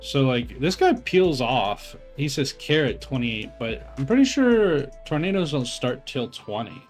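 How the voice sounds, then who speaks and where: A young gamer reviews his own raid footage, talking over it loosely and unhurriedly with lots of filler words, self-corrections, restarts and swearing. His middle-pitched voice swings widely in pitch and sounds a bit phlegmy because he's eating as he talks. Faint music plays in the background.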